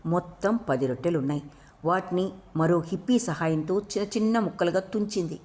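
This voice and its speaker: A woman narrating a novel in an audiobook reading, with steady, expressive storytelling. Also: fairly low pitch, a little fast.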